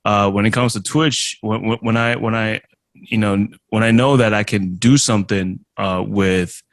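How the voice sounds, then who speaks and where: Fielding casual interview questions, this man from Taiwan, who speaks Chinese as his first language and works as a musician and streamer, answers haltingly, restarting often and using many fillers. The pitch is fairly low, the intonation fairly even, and the audio has no echo.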